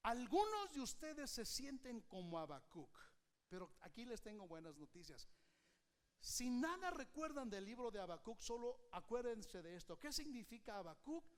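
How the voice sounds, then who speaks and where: Very high-voiced pastor preaching. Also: male voice, moderate pace. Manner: animated, has the congregation repeat phrases back; uses a hook prop and a volunteer as live illustrations. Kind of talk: sermon.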